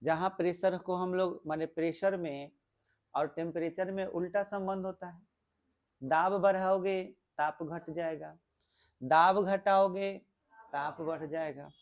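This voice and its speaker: High-voiced male physics teacher lecturing. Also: fairly even intonation, unhurried. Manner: explains step by step, repeating key words and asking the class questions. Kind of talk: classroom lecture.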